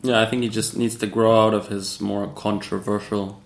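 A man's voice: lowish voice, flat delivery, moderate pace, creaky, roomy sound. A man co-hosting a casual podcast chat, giving hesitant, laid-back replies. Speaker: podcast co-host.

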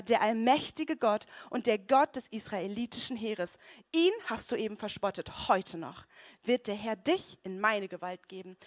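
A man's voice: sits high, close to an everyday voice. A woman voicing a bold young shepherd who speaks plainly and confidently.

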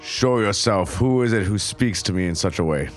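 A man's voice: low-pitched, moderate pace, faint music behind, close to an everyday voice. A man voicing a stern, formal knight in tabletop role-play, commanding in manner. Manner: commanding, archaic phrasing.

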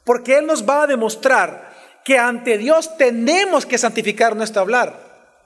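A high-pitched man delivers a teaching sermon, speaking straight to the people in front of him and pressing his points with changing emphasis. His voice carries a long reverb from a large church hall. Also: unhurried, fairly bright tone. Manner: expository preaching, shifting pace and emphasis, addresses congregation directly. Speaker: pastor.

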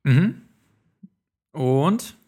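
A man's voice: a little high, animated, very slow, a little mellow. A man hosting a film podcast, chatting casually in informal, colloquial language.

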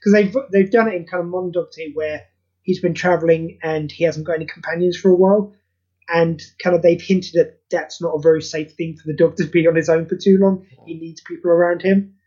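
A man with a fairly quick, steady, somewhat high voice and a dark tone is a guest on a casual podcast interview. He creates charity audio plays and talks earnestly and informally, rambling a bit, over a dull, lo-fi recording.

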